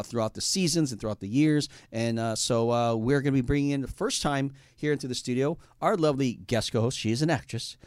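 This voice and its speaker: A young adult man with a mid-range, slightly mellow voice hosts a casual radio talk show from a studio. He rambles with lots of fillers while reading plugs, and there's no echo.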